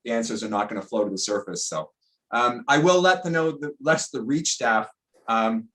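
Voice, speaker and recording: A man's voice: mid-range voice, expressive, moderate pace, a bit bright. A man hosting a casual online interview, chatty and jokey, often restarting his sentences. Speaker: interview host.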